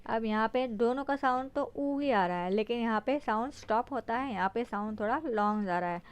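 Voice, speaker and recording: A woman's voice: fairly high pitch, brisk, clear, resonant tone. A woman explaining phonics to parents, spelling out words letter by letter and then sounding them out.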